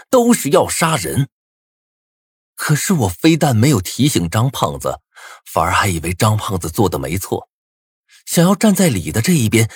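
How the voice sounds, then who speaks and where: A man narrating a first-person novel in a dramatic, expressive way, with a husky voice. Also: lowish voice, no echo, studio quality. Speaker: audiobook narrator.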